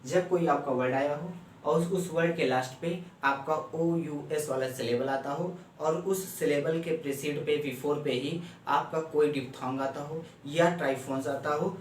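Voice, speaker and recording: A man's voice: on the high side, a little hiss or hum. Man teaching in an echoey room. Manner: explains step by step, keeps checking "clear?". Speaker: shorthand teacher. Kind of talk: classroom lecture. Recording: echoey room, mic far off.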